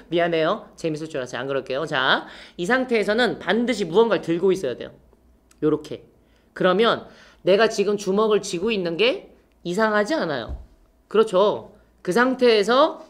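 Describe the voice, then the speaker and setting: Guy teaching magic tricks online, super lively up and down voice, jokey and teasing. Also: high voice. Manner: playful, teasing jokes then "just kidding"; step-by-step instructing, checks in often. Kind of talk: online magic lesson for youth.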